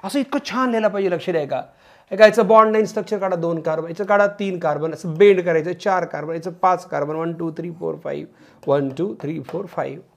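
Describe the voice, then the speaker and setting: This male chemistry teacher speaks quickly in a fairly high voice with vocal fry. He drills his class loudly and chants the names of compounds in a sing-song way.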